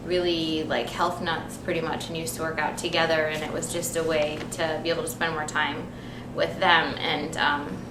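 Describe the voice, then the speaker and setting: A woman's voice: low-pitched, moderate pace, hardly any pauses. A young woman chatting casually in an interview with many fillers, about her life. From United States. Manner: relaxed and chatty, many ums. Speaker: interviewee, nurse and figure athlete. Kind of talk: casual self-introduction. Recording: echoey room, mic from far off, noisy.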